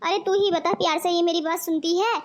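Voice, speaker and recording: A woman's voice: very high-pitched, fairly even intonation, fairly quick, slight background noise. A woman voicing a scolding, preachy middle-aged mother in a cartoon. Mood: complaining. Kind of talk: cartoon voice acting.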